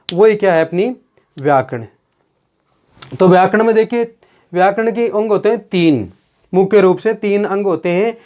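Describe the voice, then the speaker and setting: A man's voice: sits high, a little mellow. A man teaching a grammar lesson in a classroom-style lecture, explaining step by step and answering his own rhetorical questions. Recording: dull lo-fi sound.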